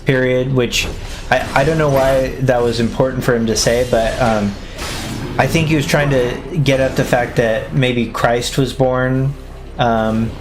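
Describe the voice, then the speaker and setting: A man's voice: mid-range voice, steady tone, unhurried, background noise. A man co-hosting a casual stream chat, hesitant and restarting his sentences. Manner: hesitant, many ums and restarts. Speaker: stream co-host.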